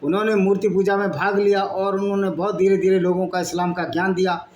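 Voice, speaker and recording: A man's voice: high voice, level tone, fast, a little mellow, lo-fi sound. A man reading passages aloud and breaking into blunt, argumentative asides as a channel host. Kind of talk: reading and commenting on texts. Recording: echoey room with faint background noise.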